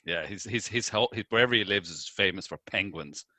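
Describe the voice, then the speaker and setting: A man's voice: low-pitched, fairly quick, bright, forceful tone, dry recording. A man co-hosting a casual podcast, talking in a rambling way and restarting his sentences. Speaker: podcast co-host.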